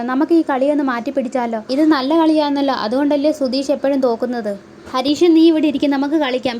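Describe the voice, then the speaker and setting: A woman retelling a TV serial episode in brisk storytelling, reading every part herself. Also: high-pitched, a little mellow, a little hiss or hum.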